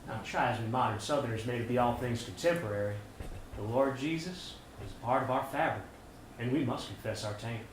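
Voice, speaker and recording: An actor playing a sardonic older brother with a Southern accent and ornate phrasing. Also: male voice, mid-range voice, fairly quick, close to an everyday voice. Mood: wry. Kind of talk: film drama dialogue. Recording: roomy echoey room, faint hiss.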